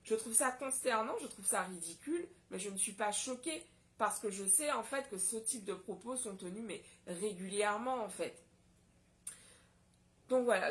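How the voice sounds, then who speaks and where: A woman from Guadeloupe talking straight to her audience in a casual solo vlog, impassioned and indignant. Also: mid-range voice. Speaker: vlogger.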